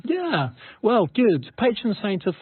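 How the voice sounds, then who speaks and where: Husky, hesitant clergyman on radio. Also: high-pitched, wildly swooping pitch, takes it slowly, dry recording. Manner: gentle, hesitant, with many fillers and restarts. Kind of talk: casual radio chat. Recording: narrow phone-like radio sound.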